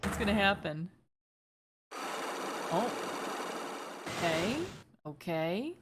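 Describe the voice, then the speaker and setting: A woman's voice: lowish voice, animated, takes it slowly, very noisy. A woman streaming a video game, chatting in a giggly, casual way. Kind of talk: casual gameplay commentary. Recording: game music behind.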